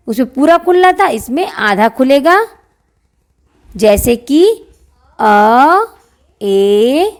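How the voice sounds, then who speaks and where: A woman teaching a grammar lesson, asking questions and answering them herself, and drawing out vowel sounds to show them. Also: on the high side. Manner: drawn-out demonstration vowels. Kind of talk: classroom-style grammar lesson.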